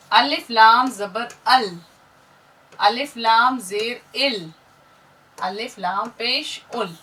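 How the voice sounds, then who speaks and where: Patient woman teaching letter sounds slowly. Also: a little high, sharp tone, far from the mic, low-quality recording. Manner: patient, drills syllables one by one and has listeners repeat. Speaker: Urdu teacher. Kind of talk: slow classroom lesson, spelling out sounds.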